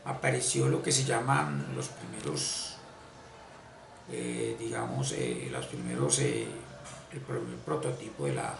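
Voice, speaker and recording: A man giving an unscripted esoteric religious lecture, halting and repeating phrases as he searches for words. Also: rumbling low, very animated, vocal fry, far from the mic, noisy background. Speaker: esoteric spiritual teacher. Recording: echoey room, voice off-mic, faint ambience.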